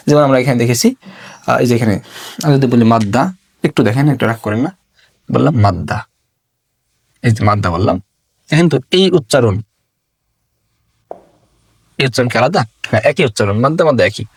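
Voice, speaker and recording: A man's voice: mid-range voice, darkish tone. A man teaching an online grammar lesson, explaining step by step and asking and answering his own questions. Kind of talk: recorded video lesson.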